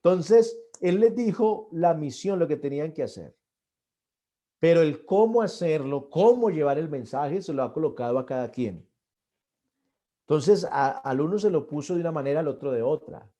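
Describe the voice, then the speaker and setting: Guy teaching a church drama class, kinda high voice but mellow, restarts words a lot. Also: animated, moderate pace. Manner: earnest, repeats and restarts words, stresses key points louder. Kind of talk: classroom lecture on stage performance.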